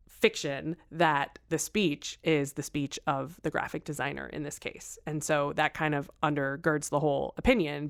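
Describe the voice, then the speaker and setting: Woman, podcast co-host, smooth clear voice, lowish pitch, sarcastic and emphatic. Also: a bit bright. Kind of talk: casual legal discussion.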